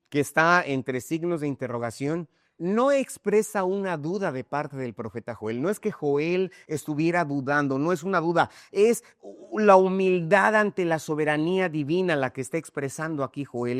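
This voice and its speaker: Man, pastor, emphatic sermon, fairly high voice, dry close sound. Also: no room sound. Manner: emphatic preaching, often calls listeners "hermano".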